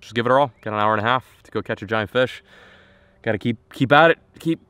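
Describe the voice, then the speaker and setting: A young man vlogs to an action camera from a small boat on a lake, thinking aloud in an upbeat, self-mocking way. His medium-pitched voice moves at a quick pace with a fairly bright, clean tone, and the recording is dry.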